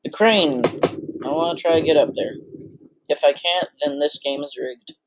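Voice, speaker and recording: A teenage boy with a voice that is breaking, casually commentating his own gameplay with excitable, blurting reactions. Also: on the high side, normal speed. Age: teens. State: voice cracking. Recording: noisy, with mouse clicks.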